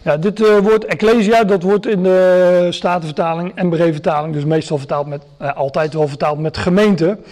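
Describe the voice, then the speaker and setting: A man's voice: high-pitched, fairly even intonation, normal speed, hardly any pauses, a little mellow. A man preaching a sermon to a gathering, explaining step by step with frequent hesitations and restarts.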